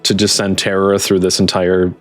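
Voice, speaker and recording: A man's voice: deep voice, monotone, normal speed, faint music behind. A man working as game master, improvising tabletop game narration in an informal, chatty way.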